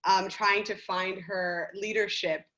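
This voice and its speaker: A young woman from the United States talks as a podcast guest, animated and gushing, often breaking into laughs. Her pitch sits in a middle range for a woman. She speaks in a casual, unscripted way. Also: slow, rough recording.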